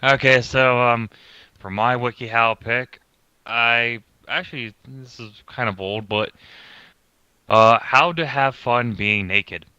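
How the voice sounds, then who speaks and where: A man's voice: mid-range voice, fairly even intonation, slow pace, bright, forceful tone, clean tone, dry recording. A young man co-hosting a casual podcast chat, blunt and swearing freely. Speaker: podcast co-host. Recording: dull lo-fi dry sound.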